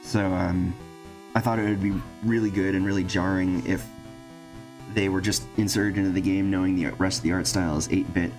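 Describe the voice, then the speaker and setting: A man's voice: low voice, steady tone, a little fast. Chatty male streamer thinking aloud. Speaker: streamer and game developer. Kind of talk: casual gameplay commentary. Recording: game music playing behind.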